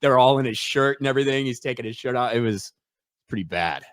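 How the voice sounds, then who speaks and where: A man's voice: mid-range voice, fast talker, a little hiss or hum. A man co-hosting a casual online talk show, speaking bluntly and with lots of swearing as he reads out chat messages. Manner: blunt, profane, animated. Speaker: podcast co-host reading chat.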